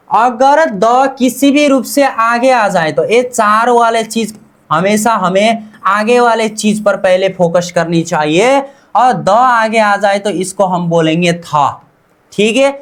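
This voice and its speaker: A teacher leading a beginner language lesson in a slow, deliberate way, repeating each syllable and asking "what?" before answering. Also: mid-range voice, fairly bright tone. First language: Hindi. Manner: repeats each syllable several times for practice.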